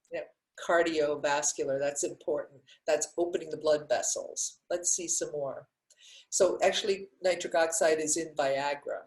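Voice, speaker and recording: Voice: medium pitch, roomy sound, rough recording. A breathwork teacher explaining science casually with many restarts, then guiding a class through breathing exercises.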